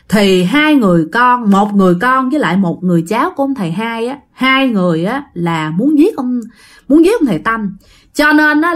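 A woman's voice: fairly high pitch, a bit bright. A woman with a Southern Vietnamese accent narrating a ghost story in a chatty storytelling style, often speaking straight to her listeners. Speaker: storyteller host.

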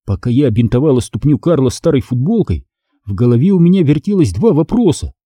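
A man narrates a first-person story aloud with expressive storytelling. His voice is very dark and husky, and it moves lively across a wide range. The read is dry and close to the mic. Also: medium pitch, fairly quick, no echo. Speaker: audiobook narrator.

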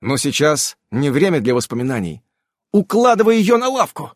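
A man reading an audiobook, voicing a commanding adult witch woman who barks sharp, scolding orders. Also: high voice, sing-song, unhurried, slightly rough, dry recording, studio quality, pitched above the performer's own voice, exaggerated voice.

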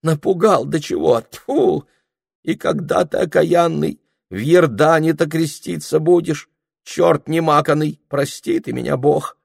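A man doing a shrill startled cook woman. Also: a little slow, gravelly, slightly rough, no echo, studio quality, heavily acted. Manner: shrill folksy cursing. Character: startled old-fashioned woman cook, superstitious.

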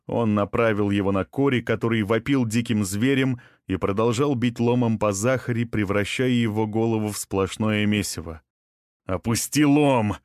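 A man reading a dramatic audiobook with a tense, expressive delivery. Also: lowish voice, normal speed, hardly any pauses, no echo, studio quality. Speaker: audiobook narrator.

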